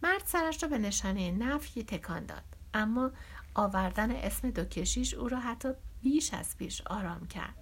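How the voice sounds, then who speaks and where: A woman narrating a novel as an audiobook in a steady, measured reading voice. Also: a little high, husky.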